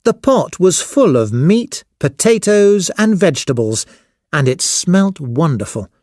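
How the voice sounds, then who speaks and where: Guy reading a kids storybook, slow and super lively, dry close sound. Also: on the high side, no echo. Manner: slow, expressive, clearly spoken. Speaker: narrator. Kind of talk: scripted storybook narration for children.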